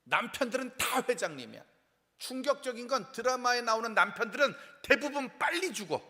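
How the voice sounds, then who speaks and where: Animated, high-voiced Korean pastor preaching playfully. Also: male voice, brisk. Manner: playful, animated, acts out quoted complaints and sings snippets. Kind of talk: humorous revival sermon. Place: church sanctuary. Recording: long hall reverb.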